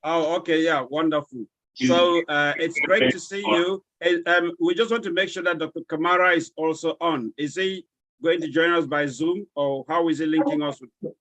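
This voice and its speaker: A courteous Nigerian man calls the roll on an online webinar over a video call. His voice sits a little high, and the sound is dry and close with no room echo. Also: steady tone, normal speed, fairly bright tone. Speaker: webinar moderator.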